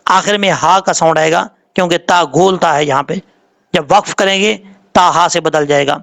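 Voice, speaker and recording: A man's voice: on the high side, vocal fry, fairly bright tone. A man teaching Quran recitation rules, spelling out letters and vowel marks one syllable at a time and drawing out the recited examples, in a patient, explanatory manner.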